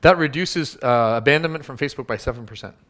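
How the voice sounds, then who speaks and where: A man's voice: mid-range voice, fast talker, fairly bright tone. A man giving a live workshop talk to an audience, punchy and teasing, quizzing the room with show-of-hands questions. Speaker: workshop speaker.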